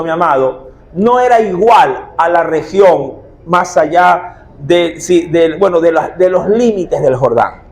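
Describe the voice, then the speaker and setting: A middle-aged man preaching. His voice sits high and leaps up and down with great animation. He keeps turning to the congregation with rhetorical questions. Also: darkish tone, low-quality recording. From Ecuador. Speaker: pastor. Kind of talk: sermon.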